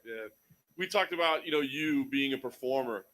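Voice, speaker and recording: A man's voice: medium pitch, normal speed, fairly bright tone. A man asking a fighter questions at a post-fight press conference, friendly and conversational. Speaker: interviewer.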